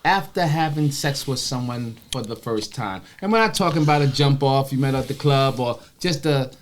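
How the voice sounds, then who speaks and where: A man's voice: mid-range voice, normal speed, slight background noise. A man hosting a podcast, joking, cursing and laughing easily with his co-hosts. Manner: joking, profane, laughs often. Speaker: podcast host. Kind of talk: casual podcast banter.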